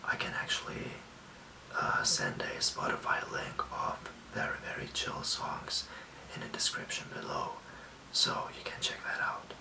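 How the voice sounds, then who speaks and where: A young man from Lithuania, giving soft, reassuring self-care tips in a whispered ASMR talk. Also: echoey room, distant mic, poor audio. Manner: soft, slow and gently reassuring. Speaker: ASMR host.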